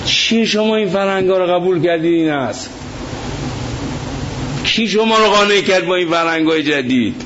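A male cleric delivering a fiery religious sermon, impassioned and quoting scripture, rising to shouts. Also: high-pitched, long pauses. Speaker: cleric preacher. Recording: dull lo-fi sound with faint noise.

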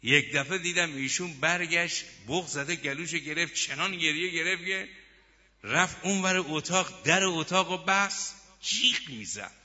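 A man's voice: on the high side, bright, forceful tone. A man voicing a remorseful middle-aged husband who tells his story in a confessional first-person way, recorded muffled in a reverberant hall.

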